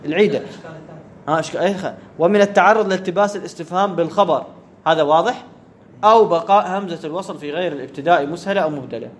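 High-voiced man teaching grammar. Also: racing. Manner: asks students questions and repeats key words. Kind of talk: classroom lecture.

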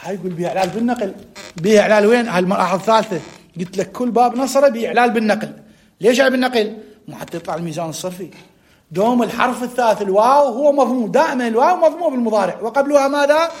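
Man, high voice, grammar teacher who drills students with questions. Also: rapid-fire. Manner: mixes formal Arabic with dialect, quizzes listeners, repeats key words. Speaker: teacher of Arabic morphology. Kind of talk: classroom lesson.

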